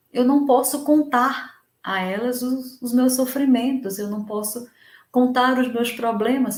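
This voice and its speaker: A woman voicing a grieving male medium, speaking softly and pleadingly as he asks to be allowed to cry. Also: on the high side, reverberant. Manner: soft, pleading, tearful. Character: grieving older male medium, gentle and tearful.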